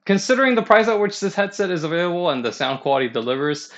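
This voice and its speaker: Un hombre que reseña auriculares habla a través de un micrófono de auricular barato con un sonido metálico, como una lata, en tono práctico y algo divertido. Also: male voice, high voice, sing-song, fast talker, fairly bright tone. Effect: tinny headset microphone, like a tin can. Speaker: headset reviewer. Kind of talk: scripted product review.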